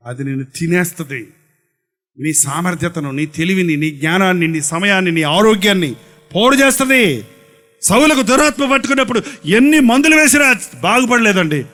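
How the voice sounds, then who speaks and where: A high-voiced man preaching a sermon. He drives his points with rhetorical questions and repeats phrases for emphasis. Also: pushed and bright. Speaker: pastor.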